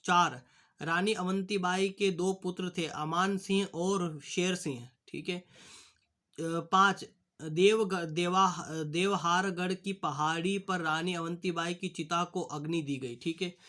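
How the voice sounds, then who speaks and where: A young male teacher goes through textbook questions one by one, stopping and restarting his words as he goes. His voice sits high and sounds bright and forceful. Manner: halting, repeats "ठीक है" and restarts words. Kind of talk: classroom lesson explaining answers.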